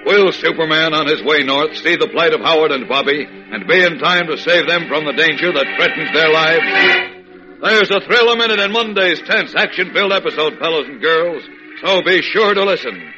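A man's voice: fairly high pitch, moderate pace. A man with an American accent announcing and narrating a 1940s radio serial in a theatrical, suspenseful old radio announcer style. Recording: dull vintage radio broadcast, loud music.

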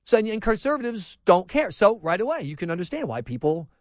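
With a high-sitting voice, big pitch swings and a brisk pace, a middle-aged rural South Carolina radio host delivers a heated opinion monologue. Restarts and mocking asides are frequent, and the close studio mic leaves no echo.

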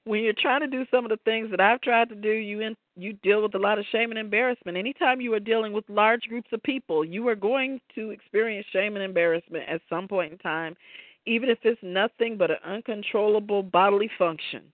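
A woman talks through her thoughts on faith at an unhurried pace, wandering a little and laughing easily along the way. The sound is thin and phone-like, with no room echo. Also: mid-range voice. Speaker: podcast co-host. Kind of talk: casual faith talk. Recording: tinny phone-like line, dry.

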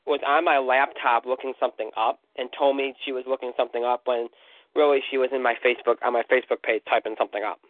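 A man's voice: medium pitch, fairly even intonation, fast talker, no room sound. A man hosting a radio show in casual sports talk, often repeating and restarting his words. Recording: narrow phone-like radio sound.

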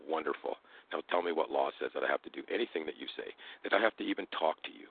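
A man's voice: rumbling low, very fast, slightly rough. A man talks casually and explains things, his words slightly unclear and toothless without dentures, over a tinny phone-like line. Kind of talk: casual explanatory talk with hesitations.

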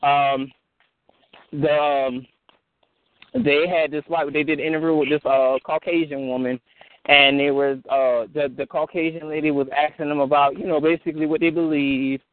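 A man hosting a call-in fellowship discussion, talking in a halting way with many fillers and restarts. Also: fairly high pitch, little pitch movement, no echo. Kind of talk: casual phone discussion. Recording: tinny phone line.

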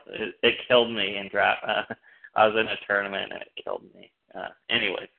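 A man co-hosting a casual sports chat in a hesitant, halting way, over a muffled connection. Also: fairly low pitch, level tone, vocal fry. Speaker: sports podcast co-host.

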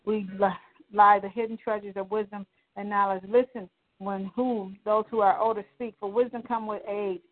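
A woman's voice: mid-range voice, flat delivery, moderate pace. A woman leading a congregational prayer, speaking in fervent, rhythmic repeated declarations. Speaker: prayer leader. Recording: tinny phone-line sound.

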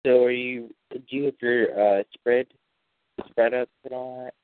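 A man co-hosting a casual sports podcast, calling in on a phone held away from his mouth and mumbling halting questions. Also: mid-range voice, fairly even intonation, no echo, phone-quality sound. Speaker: podcast co-host.

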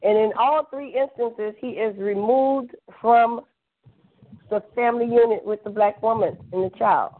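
A woman's voice: on the high side, measured pace. A woman talking in a casual phone-call chat, blunt and emphatic, repeating herself for weight and throwing in curse words. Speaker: podcast caller discussing history. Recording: tinny phone line.

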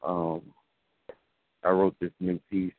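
A man's voice: sits low, level tone, takes it slowly. A man calling in to a show by phone from a bus, chatting casually and hesitantly as a guest poet. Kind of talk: spoken word poetry recital in later lines. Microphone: phone line. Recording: tinny narrow phone line.

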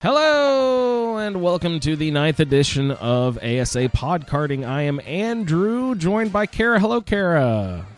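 A man's voice: a little high, expressive, normal speed, few pauses, soft background music. A man hosting a gaming podcast in a casual, informal, self-deprecating way. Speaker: podcast host.

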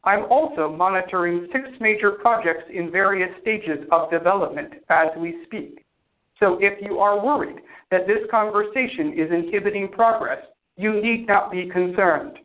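Homem fazendo uma IA fria e formal. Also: male voice, sits high, normal speed, close to an everyday voice. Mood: cold. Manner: precise, emotionless, clipped. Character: cold formal male artificial intelligence. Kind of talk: audio drama acting. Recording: tinny phone-like sound.

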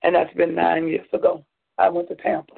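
A woman's voice: fairly low pitch, level tone, fairly quick, vocal fry. A woman giving an earnest personal testimony as a guest on a call-in show, often repeating her phrases. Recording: phone line.

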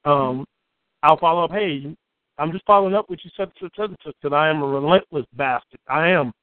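Brisk and booming, this Chicago man speaks his mind as an interview guest, his voice on the higher side for a male. When he gets rolling he repeats words over and over. The recording is dry and tinny as if over a phone, with no echo.

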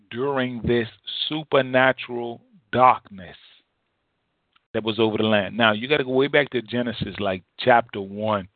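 Male preacher, gravelly voice, deliberate emphatic sermon delivery, repeats key phrases, thin narrow-band sound. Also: medium pitch, no echo. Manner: directly exhorts listeners. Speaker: preacher addressed as apostle. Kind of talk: sermon, Bible teaching. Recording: thin phone-like band-limited audio.

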